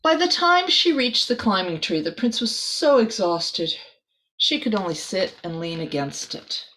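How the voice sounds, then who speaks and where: Reading a picture book to a young listener, a woman is very animated and expressive, adding little chatty asides. She speaks a little slowly at medium pitch with a fairly bright tone, on a low-quality recording.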